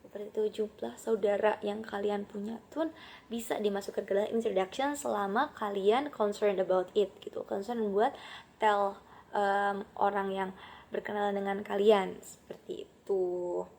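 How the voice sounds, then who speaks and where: A woman's voice: mid-range voice, fairly even intonation, normal speed, gravelly, a little mellow. A young woman with an Indonesian accent, an English teacher explaining a lesson casually, with many fillers and English phrases dropped into her talk. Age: young adult.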